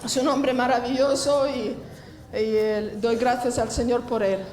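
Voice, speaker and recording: Woman, Italian accent, 50s, church talk, high voice, reverberant hall. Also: fairly even intonation, a little slow, some chatter behind. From southern Italy. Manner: warm, chatty, many hesitations and restarts. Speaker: Bible college director speaking at a church women's meeting. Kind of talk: testimony talk to a church audience. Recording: echoey hall with faint ambience.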